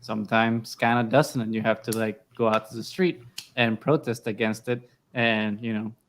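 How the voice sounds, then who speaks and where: A man co-hosting a podcast watch party, talking casually with halting starts and frequent laughs. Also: lowish voice, fairly even intonation, slight background noise. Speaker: podcast co-host.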